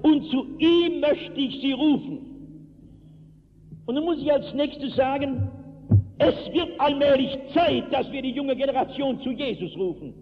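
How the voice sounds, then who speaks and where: Man, pastor, sermon, emphatic storytelling, high voice, tinny phone-like sound. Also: a little slow. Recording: echoey hall, tinny lo-fi line.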